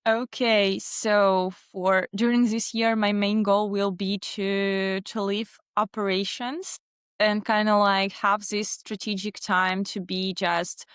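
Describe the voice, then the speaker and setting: Ukrainian-accented woman, smooth dry voice. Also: medium pitch, flat delivery, slow pace, fairly bright tone, no echo. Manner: non-native phrasing with frequent restarts. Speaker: guest, agency founder. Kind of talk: casual interview answers.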